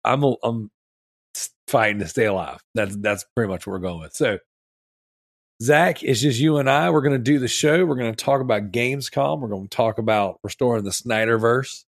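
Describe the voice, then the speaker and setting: Man, podcast host, wheezy congested sick voice, creaky, close dry sound, casual, slangy, enthusiastic rambling. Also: mid-range voice, fairly quick, no room sound. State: sick with strep throat, mouth-breathing. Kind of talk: casual chat.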